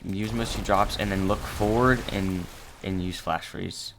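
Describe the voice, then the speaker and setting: A young man narrating a casual gameplay tutorial, halting and low-key with many fillers. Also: fairly even intonation, gravelly, noisy background. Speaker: gaming channel host.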